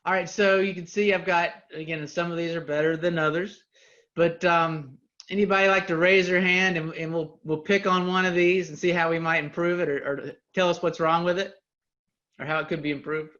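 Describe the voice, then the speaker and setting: A man's voice: on the high side, steady tone, brisk, bright, forceful tone, dull audio. A man co-presenting a live online training session, casual and self-deprecating, inviting the audience to join in.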